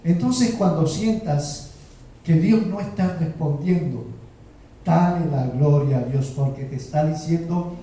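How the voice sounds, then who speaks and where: A male pastor delivering a slow, emphatic sermon and asking rhetorical questions of the congregation. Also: fairly high pitch, dark tone. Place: church sanctuary. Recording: roomy echo, heard from a distance.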